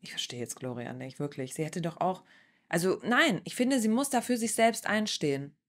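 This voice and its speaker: A woman's voice: on the low side, lively intonation, moderate pace. A woman hosting a reaction video, commenting bluntly and with indignation on a reality show.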